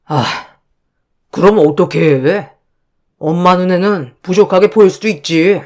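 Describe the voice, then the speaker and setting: A woman's voice: on the low side, measured pace, a little mellow, close to an everyday voice. Tired brushoff husband, played by a woman, sides w his parents. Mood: dismissive. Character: dismissive tired husband, young adult. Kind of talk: story drama voice acting.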